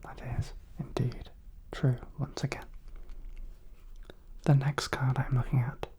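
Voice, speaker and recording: A woman doing a soothing whispered role-play as a clinician, guiding the listener softly and close to the microphone. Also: a bass voice, little pitch movement, slow pace. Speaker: ASMR host playing a clinician.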